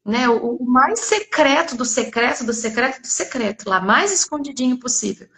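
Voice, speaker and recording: A woman's voice: high-pitched, lively intonation, normal speed, fairly bright tone. A Brazilian woman telling a church testimony in an earnest storytelling way, often adding "né?". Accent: Brazilian Portuguese.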